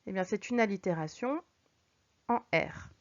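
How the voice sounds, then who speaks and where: A woman's voice: medium pitch, lively intonation. Woman teacher on a dull lo-fi recording. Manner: explains patiently, reads examples slowly and clearly. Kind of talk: recorded French lesson.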